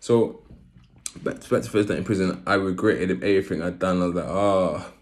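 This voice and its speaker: A man's voice: low-pitched, a little fast. A man with an urban London accent and roadman street slang delivery, telling personal stories casually and repeating phrases for emphasis. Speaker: vlogger. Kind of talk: casual personal storytelling to camera.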